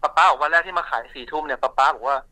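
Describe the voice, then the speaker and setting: Guy chatting away in an interview, bright voice, dry close sound. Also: a little high, very fast, no echo, poor audio. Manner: relaxed, chatty, many fillers and restarts. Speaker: interview guest, family shop owner. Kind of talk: casual interview storytelling.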